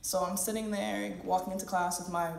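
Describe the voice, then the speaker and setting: A woman's voice: medium pitch, little pitch movement, fairly quick, vocal fry, slight background noise. A woman tells a personal story on stage, candid and humorous, quoting others in playful voices. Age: 20s. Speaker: student speaker. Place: event hall at a university. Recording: echoey room, mic at a distance.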